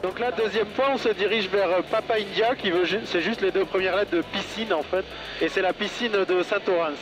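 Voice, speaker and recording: A man's voice: high voice, fairly quick, rough recording. A man heard over a pilot headset, chatting casually and calling out checks as he flies. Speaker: pilot of a microlight plane. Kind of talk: casual cockpit chat and checklist callouts. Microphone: aviation headset. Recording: pilot headset intercom, music behind.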